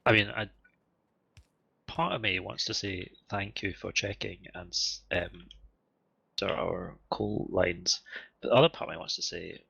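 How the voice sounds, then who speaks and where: A man's voice: sits low, a little slow, vocal fry, long pauses, bright, forceful tone, breathy edge, muffled recording. A man speedrunning a game with friends, chatting casually and joking, breaking off mid-sentence. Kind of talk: casual chat while gaming.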